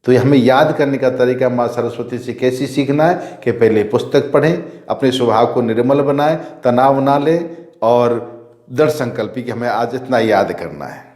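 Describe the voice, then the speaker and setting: Priest who quizzes then answers himself. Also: male voice, medium pitch, moderate pace, darkish tone, reverberant. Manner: asks rhetorical questions and answers them himself; repeats key phrases for emphasis. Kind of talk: devotional teaching talk.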